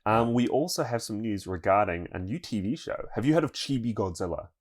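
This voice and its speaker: A man's voice: fairly low pitch, lively intonation, fairly quick. A man co-hosting a podcast, chatting casually through a news segment and laughing now and then. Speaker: podcast co-host.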